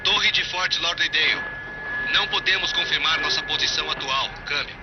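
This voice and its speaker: A man's voice: a little high, normal speed. A man playing a lost flight-leader lieutenant, calling over his headset radio in clipped procedure. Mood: urgent. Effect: pilot's headset radio transmission. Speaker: pilot. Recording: muffled radio with loud engine noise.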